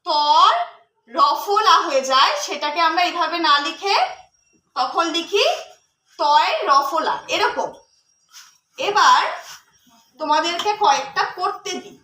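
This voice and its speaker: A primary school teacher with a very high, sharp voice teaches young children Bengali conjunct letters, explaining patiently and asking her class many questions. She speaks unhurriedly with long pauses, and the room is echoey.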